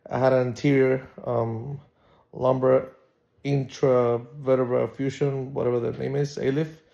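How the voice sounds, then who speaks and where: A man talking casually to viewers in a personal vlog, subdued and measured, often pausing to search for words. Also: mid-range voice, gravelly, dark tone. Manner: halting, searching for words with pauses. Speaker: patient recording a recovery vlog.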